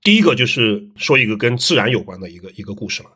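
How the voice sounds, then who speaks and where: A middle-aged man, a landscape design teacher, telling stories in a relaxed interview with lots of fillers and tag questions. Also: on the low side, fast talker, breathy edge. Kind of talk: casual interview storytelling.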